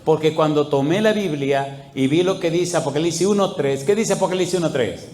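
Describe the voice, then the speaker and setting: Preaching pastor in an echoey church. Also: male voice, fairly high pitch, fairly quick. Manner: call-and-response questions to the congregation, animated storytelling. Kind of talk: sermon.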